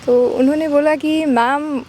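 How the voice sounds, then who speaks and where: A woman who is a school principal, answering interview questions in a measured, explanatory way. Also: high voice, fairly even intonation, a little mellow, slight background noise.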